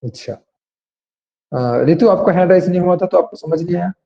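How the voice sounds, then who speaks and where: A man teaches grammar in an online class, speaking in a somewhat high but dark, mellow voice. He explains step by step and keeps asking students to raise their hands. The recording sounds dull and lo-fi. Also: a little fast, creaky.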